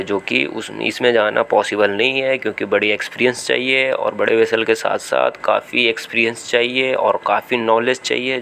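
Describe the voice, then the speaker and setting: Filmed on a phone camera aboard a small vessel at sea, a man with an Indian Hindi accent, a seafarer vlogger, offers casual commentary while thinking aloud, restarting and using fillers. His medium-pitched voice has vocal fry and a fairly bright tone, with slight background noise.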